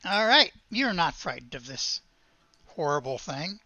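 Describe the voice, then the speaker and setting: A woman's voice: deep voice, big pitch swings, unhurried, pushed and bright, no room sound, muffled recording. A woman running a tabletop game as game master, explaining rules in an easygoing, patient way.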